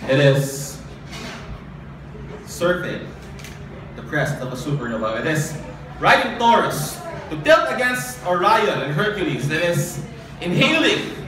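Captured by a far-off camera at a small open-mic event, a high-voiced young man delivers spoken word poetry through handheld and stand microphones. His performance is earnest and measured, marked by dramatic pauses, and the audio is distant, highly reverberant and noticeably noisy.

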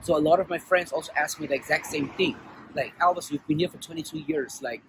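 This forties-aged South African man talks fast in a slightly high, somewhat bright voice, speaking earnestly in a street interview with many fillers and restarts. A clip-on mic captured him outdoors on a street, where faint traffic noise comes through the poor audio.

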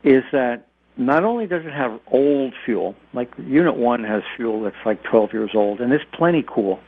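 An American expert speaks on a radio interview by telephone, the audio tinny and band-limited but echo-free. He explains informally, stammering and hesitating at the start, in an animated mid-range voice at a moderate pace.

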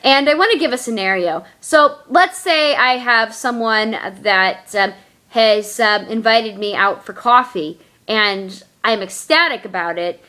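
A young adult woman telling a personal story in her vlog, earnest and halting, with many fillers. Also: on the high side, bright, forceful tone. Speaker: vlogger.

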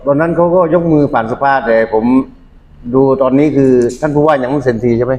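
Polite fast-talking council member. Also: male voice, medium pitch, dark tone. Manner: polite, deferential. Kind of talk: casual interview.

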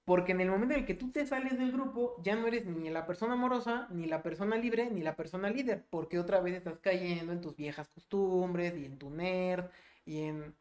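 A young man with a Mexican Spanish accent, a podcast co-host in casual chat, telling a story with lively, swear-filled animation. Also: high voice, brisk.

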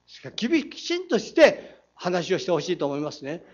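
Combative high-voiced council member, lo-fi. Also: male voice, wildly swooping pitch, a little fast. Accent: Saga. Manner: combative, reads quotes aloud, rhetorical challenges. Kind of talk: council floor questioning. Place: city council chamber. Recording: dull lo-fi council chamber audio.

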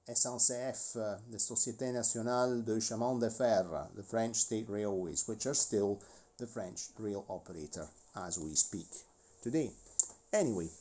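A man's voice: mid-range voice, darkish tone. A man in his forties hosting a model railway channel, talking casually and rambling about a model locomotive, with many restarts and asides. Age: 40s.

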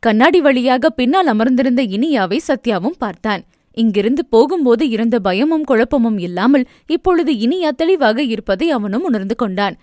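A woman narrating a novel aloud in a steady, expressive reading. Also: a little high, moderate pace, dry recording, studio quality. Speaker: audiobook narrator.

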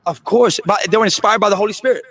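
A male street preacher with a fairly high voice speaks very rapidly. He works as an evangelist in conversation outdoors, pressing listeners with insistent questions and scripture. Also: a bit bright, husky. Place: outdoors in a store parking lot. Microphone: handheld interview microphone.

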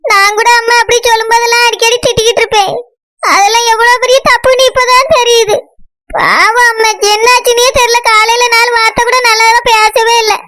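A woman's voice: very high voice, flat delivery, brisk, sharp tone. A woman voicing Saroja, an anxious village woman with a Tirunelveli Tamil accent, in a cartoon. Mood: worried. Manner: anxious, tearful pleading. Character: worried village woman Saroja fearing for her mother. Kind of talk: cartoon voice acting.

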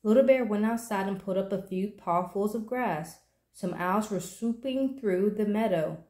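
A woman hosts a storytime channel and reads a children's picture book aloud with clear, steady narration. Her voice is mellow and soft rather than bright. A roomy echo surrounds the reading. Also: mid-range voice, normal speed. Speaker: storybook reader, channel host.

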